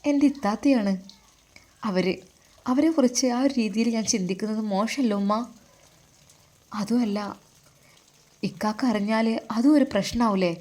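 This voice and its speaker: A woman reading the lines of a young unmarried man, a gentle and earnest son, with a Malabar Malayalam accent. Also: on the high side, moderate pace, long pauses, lightly acted. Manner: soft, earnest, soothing.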